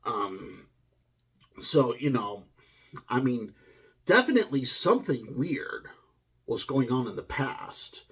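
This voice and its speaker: A man's voice: mid-range voice, very animated, slow pace, long pauses, a bit bright, breathy edge. A man giving a rambling, hesitant video game review, full of fillers and restarts as he wanders between thoughts. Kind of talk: rambling spoken review monologue.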